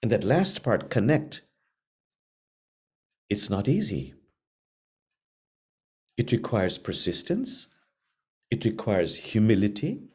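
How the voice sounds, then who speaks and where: Middle-aged guy teaching a spiritual class, warm mellow voice, slow and earnest, lots of repeating. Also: fairly low pitch, very animated, breathy edge. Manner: slow, earnest, repetitive phrasing with long pauses. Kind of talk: gentle spiritual class talk.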